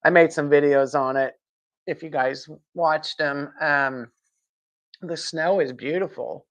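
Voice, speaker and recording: A woman's voice: low voice, slow pace. A woman hosting a casual live stream from home, rambling, laughing and answering viewer comments.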